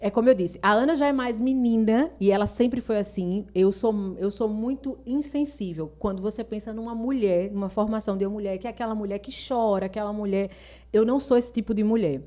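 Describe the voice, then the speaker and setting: Frank middle-aged woman, warm mellow voice. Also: medium pitch, fairly quick. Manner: lively storyteller who acts out family dialogue; frank and opinionated. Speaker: guest mother on a school podcast. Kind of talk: casual podcast chat.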